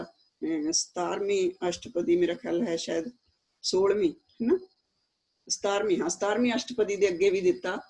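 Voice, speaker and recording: Husky-voiced woman teaching scripture pronunciation. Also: medium pitch, a little mellow. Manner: slow, deliberate demonstrations of each word; checks in with frequent tag questions. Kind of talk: religious pronunciation lesson.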